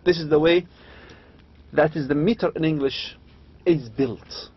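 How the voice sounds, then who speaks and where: A man with an Arabic accent lecturing on poetry, reading slowly and adding quick asides. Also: on the high side, breathy edge. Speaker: university lecturer. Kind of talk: lecture explaining English meter, mixing English and Arabic. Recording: dull lo-fi lecture recording.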